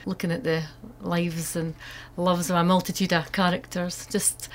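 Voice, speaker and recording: North east scottish woman doing an interview as an author, lowish voice, pretty flat melody. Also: normal speed, slight background noise. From North East Scotland. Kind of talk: interview answers about own work.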